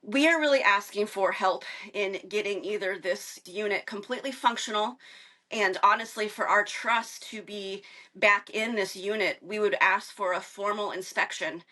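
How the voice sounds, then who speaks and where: A woman's voice: mid-range voice, moderate pace, pushed and bright. A woman giving an earnest testimonial as an RV owner, worried and strained. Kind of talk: testimonial to camera.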